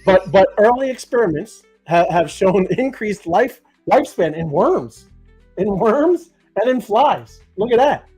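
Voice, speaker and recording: High-ish husky guy chatting on a crypto stream, lots of uh and you know. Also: very animated, unhurried, darkish tone, faint music behind. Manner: rambling, many fillers and restarts. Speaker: crypto show co-host. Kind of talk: casual livestream chat.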